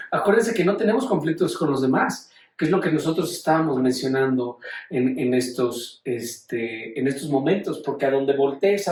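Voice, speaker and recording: Mexican man, high voice, casual profane lecturer, recorded from a distance in a roomy space. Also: a little mellow. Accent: Mexican Spanish. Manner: profane, slangy, acts out quoted speech. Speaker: teacher.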